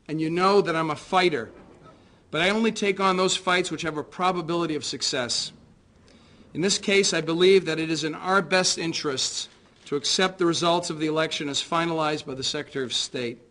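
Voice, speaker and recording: An American man who is a political candidate delivers a prepared concession speech in a formal, measured, earnest way. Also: a little high, a bit bright.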